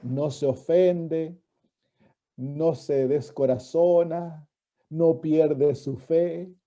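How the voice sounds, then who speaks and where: A man's voice: on the high side, fairly even intonation, drawn-out words, mellow. A man, preaching a sermon as a pastor, reading scripture and asking his listeners questions. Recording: dull lo-fi recording.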